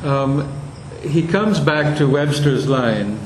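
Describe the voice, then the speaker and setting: A man lecturing a class on poetic meter, speaking slowly and deliberately and reading verse lines aloud to show where the stresses fall. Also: fairly high pitch, roomy sound, a little hiss or hum, rough recording.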